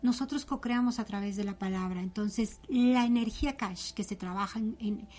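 Calm woman teaching yoga. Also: mid-range voice, normal speed. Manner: calm, instructive, gentle. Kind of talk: guest explaining a breathing and chanting exercise.

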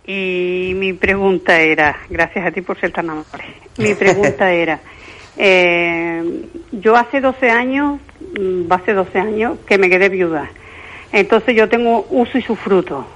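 A woman's voice: mid-range voice, unhurried, fairly bright tone. An older woman calling in to a radio show over the phone, chatty and affectionate, hesitating with fillers as she asks her question. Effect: caller heard over a phone line. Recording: dull muffled phone line.

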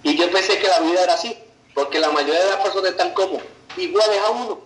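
A man delivers an online business pitch, persuasive and insistent. His voice sits a little high and rings in a roomy, echoing space. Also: fast talker, a little hiss or hum. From Venezuela. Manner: persuasive, tags sentences with "ok" and "verdad". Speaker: business presenter.

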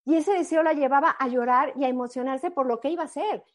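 A woman giving a motivational talk, telling a personal story in an animated, earnest and emphatic way. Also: sits high, quick pace. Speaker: motivational speaker.

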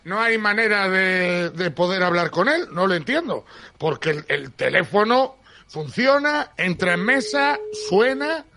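A man with an accent from Spain presenting a sports radio show in a lively, informal, colloquial way, often repeating himself. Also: high voice, unhurried. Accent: Spanish, from Spain.

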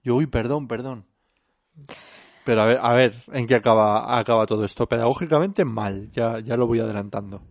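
A man's voice: mid-range voice, quick pace, few pauses, no room sound, clean studio sound. A man with a Spanish accent co-hosting a podcast, chatting casually and mocking himself. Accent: Spain. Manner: chatty, self-mocking complaints. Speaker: podcast co-host. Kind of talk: casual chat.

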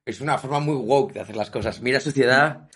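Wry, fast-talking man, telling casual anecdotes. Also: medium pitch, a bit bright, husky. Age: 30s. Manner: quick, storytelling, wry. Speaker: podcast co-host.

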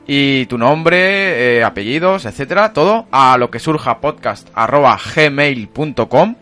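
Bright-voiced podcast host, laughing. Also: male voice, medium pitch, lively intonation, a little slow, soft background music. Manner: laughs often, storytelling with fillers. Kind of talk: casual chat.

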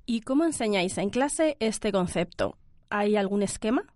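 A woman radio host, speaking at a middle pitch. The sound is close and dry with no room echo. She talks in a friendly, conversational way. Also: animated, moderate pace, a little mellow. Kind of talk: hosting an educational radio program.

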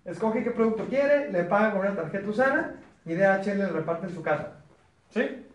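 Mexican guy pitching a business to a small group, kinda high voice, echoey room, keeps asking if they follow. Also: lively intonation, a little fast. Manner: chatty, questioning the room, joking. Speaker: business opportunity presenter. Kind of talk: live sales presentation to a small group. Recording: roomy echo.

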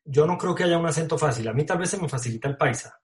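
Male actor, relaxed interview chatter, slangy, lots of restarts. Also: on the high side, quick pace. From Colombia. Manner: casual, slangy, many fillers and restarts. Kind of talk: casual interview talk.

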